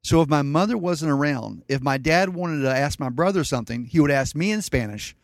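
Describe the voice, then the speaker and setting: A man's voice: a little high, animated, brisk, no room sound, studio quality. Matter-of-fact man in his sixties telling stories. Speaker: podcast guest, real estate investor. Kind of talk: casual interview storytelling.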